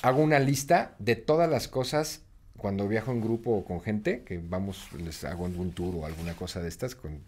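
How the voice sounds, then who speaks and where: Mexican man, lowish voice, reflective guest who spurs listeners on. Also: moderate pace, darkish tone, slight background noise. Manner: reflective, encouraging, urges listeners to act. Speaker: guest speaker. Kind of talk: casual conversation.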